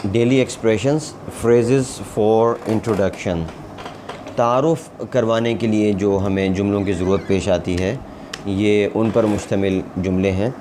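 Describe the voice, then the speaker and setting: Man, English teacher, low mellow voice, slow patient drilling, repeats words, faint background noise. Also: fairly even intonation. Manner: slow, patient, repeats each word several times; spells words out letter by letter. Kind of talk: language lesson, drilling pronunciation.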